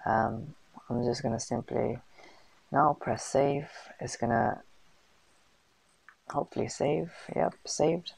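A man's voice: fairly high pitch, slow pace, creaky, pauses often, darkish tone, husky, no echo, poor audio. A man hosting a casual screen-recorded tutorial, chatty and full of fillers and slang. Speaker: host of a food business channel.

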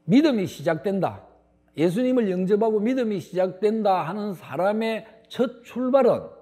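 A man's voice: sits high, lively intonation, normal speed, warm tone, husky. A middle-aged male pastor delivering a sermon, stressing words emphatically and turning to the congregation with asides.

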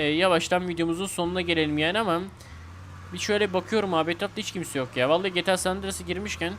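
A man giving playful, excitable commentary while playing a video game, pleading and repeating himself. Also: high-pitched, a little hiss or hum. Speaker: gaming YouTuber.

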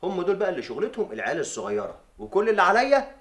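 A man's voice: high-pitched, huge pitch swings, rapid-fire, fairly bright tone, echoey room, heavily acted. An actor playing a smug, mocking music producer about to become a father, with an Egyptian accent. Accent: Egyptian Arabic.

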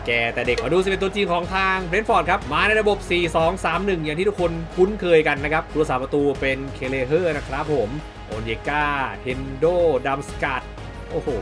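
High bright-voiced guy hyped up commentating a football game, cursing, chatting to viewers, faint music behind. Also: fast talker. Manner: excitable, swears, talks to viewers. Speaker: gaming YouTuber. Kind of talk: casual gameplay commentary.

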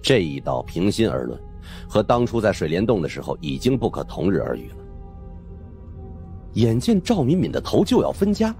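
Over a clear bed of music, a male audiobook narrator with a deep voice recounts a suspense story in the first person at normal speed. He delivers it in an animated, dramatic way, his pitch swinging widely.

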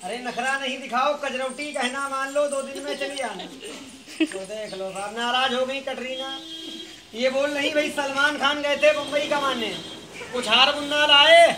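A man running a street monkey show, calling out loud teasing commands to the animals. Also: very high voice, steady tone, moderate pace. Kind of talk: showman's patter to a crowd. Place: outdoors at a school ground. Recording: crowd noise around. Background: children's crowd.

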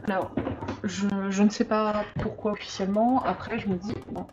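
A woman thinking aloud as she makes a card, with frequent hesitations and the odd hushed aside. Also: medium pitch, steady tone, moderate pace, muffled recording, heavy background noise. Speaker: crafting vlogger. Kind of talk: casual crafting tutorial. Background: background music.

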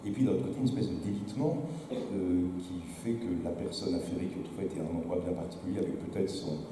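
A man's voice: low-pitched, fairly even intonation, fast, warm tone, slight background noise. Older man asking long, hesitant questions. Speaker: interviewer, moderator. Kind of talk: moderated stage conversation. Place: large theater stage before an audience. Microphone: handheld mic. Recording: roomy hall sound from a distance.

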